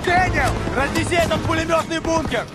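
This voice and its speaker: A man's voice: extremely high pitch, fairly quick. A male actor playing an urgent, hard-driving wartime lieutenant, barking squad orders in a war video game. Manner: barking, commanding. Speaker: officer leading a squad. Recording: game audio with loud music.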